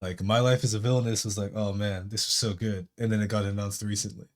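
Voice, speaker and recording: A man's voice: lowish voice, little pitch movement, fast. A man co-hosting a podcast in casual chat, laid-back and chuckling, gushing like a fan. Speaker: podcast co-host.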